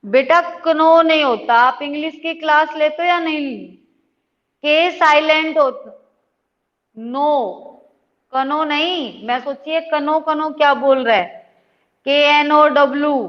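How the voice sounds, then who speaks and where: A high-voiced woman teacher speaks slowly and patiently, checking in with her students often. The sound is dull and lo-fi, with a long echo trailing each word. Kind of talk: online class lesson. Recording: dull lo-fi audio with long reverb.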